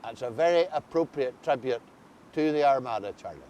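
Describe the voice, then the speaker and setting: Outdoors beside a river, a man with an Ulster accent hosts a conversational interview. His voice is animated and brisk, with a darkish tone, and faint outdoor rumble and noise can be heard.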